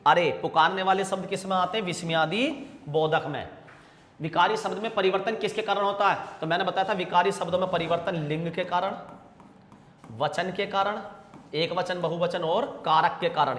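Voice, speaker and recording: Man, grammar teacher, somewhat high voice, repeats answers, roomy echo with long reverb. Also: fairly bright tone. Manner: drawn-out repetition of answers; calls students 'bhaiya' and 'beta'. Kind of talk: exam-prep grammar lesson. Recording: echoey room with long reverb.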